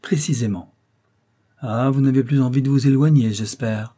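A man's voice: normal speed, warm tone, natural voice. Storybook viscountess, young and flighty, pleading in a raised voice; a man reads her. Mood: urgent pleading. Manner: pleading, breathless, high-strung.

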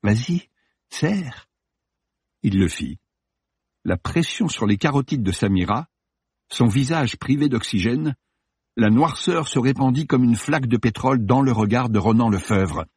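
A man narrating a thriller audiobook in a measured, dark, unhurried reading, close to the mic. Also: mid-range voice, animated, slightly rough, no echo.

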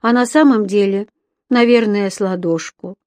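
Woman reading a gentle raccoon mother. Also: medium pitch, moderate pace, no echo, studio quality, lightly acted. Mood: soothing. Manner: soothing.

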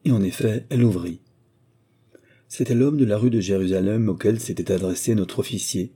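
Dark, husky male storyteller. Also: fairly low pitch. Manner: steady, measured storytelling. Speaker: audiobook narrator. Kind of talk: scripted narration.

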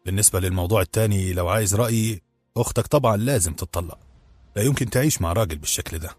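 A man's voice: lowish voice, rapid-fire, darkish tone, no room sound, faint music behind, natural voice. Man doing a hearty teasing prince. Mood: serious. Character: jovial worldly aristocratic prince, man.

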